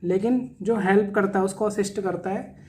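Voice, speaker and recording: A man gives an exam vocabulary lesson, explaining in Hindi and reading English definitions word by word. His voice is mellow and unforced. He spells terms letter by letter and repeats each meaning several times. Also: high voice, fairly even intonation, fairly quick, a little hiss or hum. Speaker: vocabulary teacher.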